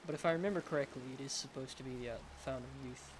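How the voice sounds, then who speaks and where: A man's voice: mid-range voice, racing, noisy background. A man with a lisp giving casual, rambling game showcase commentary, often hesitant and unsure of himself. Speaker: gaming video host.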